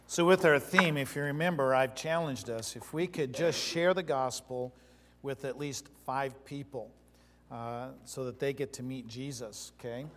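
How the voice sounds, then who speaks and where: A man's voice: mid-range voice, unhurried. Storytelling preacher man in a reverberant hall. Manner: storytelling preacher, emphatic, swings from loud to soft. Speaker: pastor. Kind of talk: sermon.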